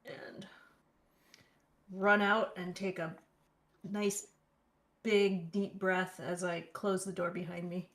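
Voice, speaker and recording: A woman's voice: lowish voice, level tone, slow pace, pauses often, fairly bright tone. A woman playing a tabletop game, talking in a casual, matter-of-fact way. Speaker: player.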